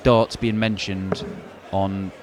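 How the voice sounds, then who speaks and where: A man's voice: low-pitched, flat delivery, takes it slowly, a little mellow. A man giving conversational live darts commentary, stacking short phrases for emphasis. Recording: crowd noise behind commentary. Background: darts crowd.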